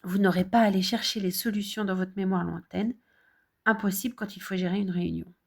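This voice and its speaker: A woman's voice: mid-range voice, a little fast, creaky. Encouraging French woman teaching. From France. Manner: encouraging, direct, lively emphasis. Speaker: English teacher. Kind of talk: casual video lesson.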